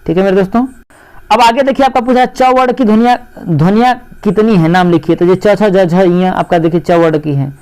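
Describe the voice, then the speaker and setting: Brief: male tutor, high-pitched, walks through exam answers by posing and answering his own questions. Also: fairly quick, a little mellow, clear, resonant tone, rough recording. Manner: rhetorical questions answered himself, repeats "dekhiye" and "mere doston". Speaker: teacher. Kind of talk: exam paper walkthrough lesson.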